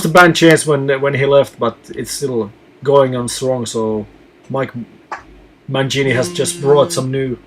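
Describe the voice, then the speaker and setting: With some background noise behind him, a medium-pitched Finnish man, a musician on tour, reads viewer questions aloud and answers them in a laid-back live chat.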